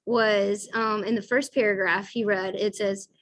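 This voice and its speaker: Her voice is mid-range and fairly bright, with fairly even intonation and an unhurried pace. She's a Southern American woman giving casual testimony at a recovery meeting, chatty, self-deprecating, and sprinkling in fillers and small performed quotes.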